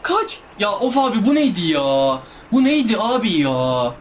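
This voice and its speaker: A young man talks his way through a tough game, groaning, complaining and pleading with the enemies. His voice sits a little high for a man. A faint hiss of noise runs under the recording. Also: big pitch swings, unhurried. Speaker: gameplay streamer. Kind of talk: live gameplay commentary.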